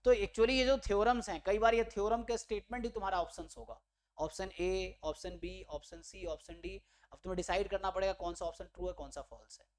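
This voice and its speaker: A man from India with a high voice moves briskly through an online maths lecture aimed at exam prep. He explains step by step, uses English terms along the way, and keeps checking in with students.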